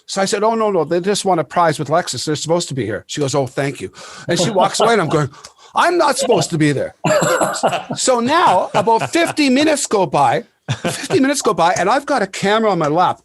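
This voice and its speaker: A man with a high, light voice tells his stories with excitement, breaking into laughs and restarting his sentences often. The sound is dry and close, with no room around it. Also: fairly quick, dry recording. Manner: animated, laughing storyteller with many restarts. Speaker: podcast host. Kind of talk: casual storytelling chat.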